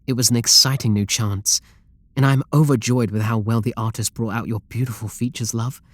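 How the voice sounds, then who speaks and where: A British man voices an obsessive, possessive, lovestruck game developer in an intimate roleplay audio drama, doting and controlling, adoring in mood and full of pleading endearments. His mid-range voice is natural, a little fast, and fairly even in intonation, with no echo.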